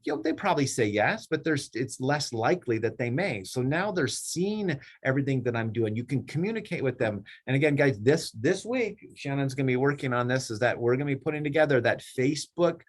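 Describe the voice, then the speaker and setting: A middle-aged man leading a team meeting, coaching real estate agents in a rambling, animated way, often acting out clients in a raised voice. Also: medium pitch, brisk, few pauses, slightly rough. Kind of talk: casual coaching talk.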